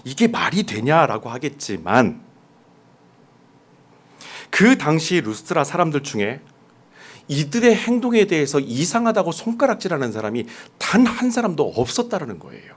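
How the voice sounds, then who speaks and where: Male pastor, sermon, lively up-and-down delivery, slightly high voice, talks directly to the congregation. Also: moderate pace, breathy edge. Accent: mostly standard Seoul Korean, dialect suppressed. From Jeolla, South Korea. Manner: conversational preaching, addresses congregation directly, asks questions.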